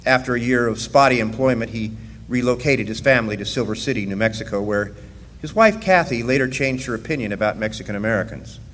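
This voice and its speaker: An actor narrates a radio play as a wry rail-riding drifter looking back on his past, telling the story in a dryly wry, reflective mood. His natural voice is medium-pitched, slightly bright, and quick. The recording carries live hall reverb and faint background noise.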